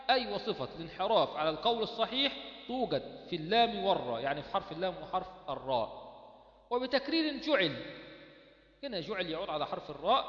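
A man's voice: high voice, fairly bright tone, reverberant, long reverb tail, lo-fi sound. A man with an Egyptian accent teaching Quran recitation rules, quizzing his students with questions and answering them himself. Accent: Egyptian Arabic. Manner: drills students with rhetorical questions. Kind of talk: explaining tajweed rules.

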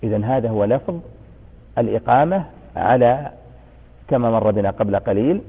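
A man's voice: mid-range voice, moderate pace, gravelly. A man giving a religious lesson, quizzing his students and answering his own questions. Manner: chants the call to prayer in demonstration. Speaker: religious teacher. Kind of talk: classroom lesson. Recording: tinny phone-like sound in a reverberant hall.

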